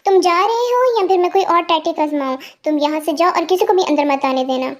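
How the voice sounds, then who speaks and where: A brooding, lovesick young man in a storybook, muttering angrily to himself, read out by a woman. The voice stays high and the lines come quickly. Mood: angry.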